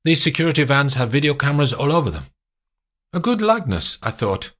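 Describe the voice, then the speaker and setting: Man doing undercover spy posing as French commander, formal, solemn, raised pitch. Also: sing-song, brisk, a bit bright.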